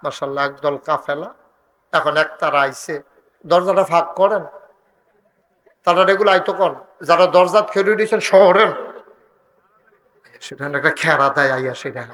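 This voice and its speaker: Preacher guy, high voice, chanty call and response sermon. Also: bright, forceful tone, poor audio. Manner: scolds the mic operator in quick asides. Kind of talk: sermon at a religious gathering.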